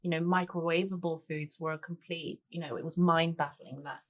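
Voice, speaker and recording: A woman's voice: low-pitched, steady tone, brisk, muffled recording. A woman in her forties, raised in Tanzania, chatting easily as a guest chef in an interview. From grew up in Tanzania, born in Denmark. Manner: chatty, with many "sort of" and "you know". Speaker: guest chef and cookbook author. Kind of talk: relaxed conversational interview.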